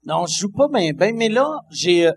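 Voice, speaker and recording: A man's voice: high voice, animated, moderate pace, a little hiss or hum. A Québécois French man chatting casually on a podcast, often hesitating with fillers. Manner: hesitant, filler-heavy talk. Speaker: podcast host.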